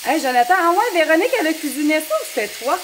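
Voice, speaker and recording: A woman's voice: sits high, very animated, very fast. Québécois woman in her 30s cooking live, chatty, pan sizzling in a home kitchen, bit of noise. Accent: Québécois French. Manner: chatty, talks to viewers' comments while cooking. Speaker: home cooking livestream host. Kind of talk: casual live cooking stream chat.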